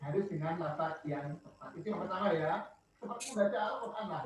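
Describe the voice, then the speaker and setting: A man's voice: high voice, expressive, a little fast. A man teaching a primary school class over a video call, explaining patiently with examples and repetition. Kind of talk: online class lesson.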